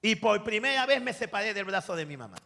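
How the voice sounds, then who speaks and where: A man in his forties with a Peruvian accent gives a lively sermon testimony, acting out dialogue and calling listeners brother. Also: sits high, quick pace, gravelly, big-room sound. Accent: Peruvian Spanish. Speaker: preacher giving testimony.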